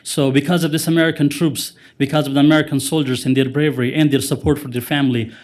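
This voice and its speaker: A man's voice: on the high side, level tone, fast talker, a little mellow. A man from Afghanistan, a former interpreter giving earnest public remarks at a city council meeting. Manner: earnest, grammar slips, fervent.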